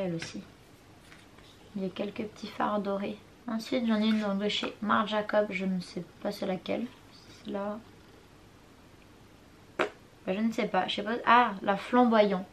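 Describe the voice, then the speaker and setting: A woman's voice: medium pitch, slight background noise. A young woman showing her makeup palettes in a casual vlog, chatty and unsure of product names, apologizing for her pronunciation. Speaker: beauty vlogger. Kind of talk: casual makeup collection show-and-tell. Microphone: compact camera mic.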